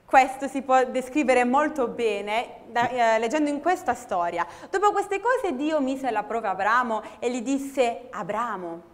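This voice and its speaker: A woman's voice: on the high side, expressive, a little slow, few pauses. A woman interpreting a sermon phrase by phrase in a hall, often correcting herself mid-phrase. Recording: long hall reverb.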